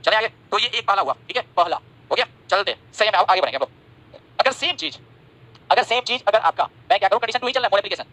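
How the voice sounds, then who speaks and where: Fast-talking bright-voiced male grammar teacher. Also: expressive, low-quality recording. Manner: repeats phrases, asks "samajh rahe ho" often; drops to a low, soft voice when apologizing. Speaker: online English grammar teacher. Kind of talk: live-streamed class, reading chat comments.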